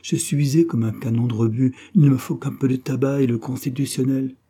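A man's voice: medium pitch, fairly even intonation, a little fast, slightly rough, voice pushed up, close to an everyday voice. A man voicing a weary old soldier. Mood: gentle. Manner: gentle, weary. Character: kind, worn-out old soldier.

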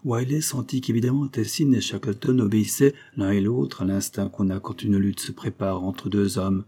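The speaker is a male audiobook narrator telling a story from a script. He sounds dark, mellow, low and husky, with an even, measured pace.

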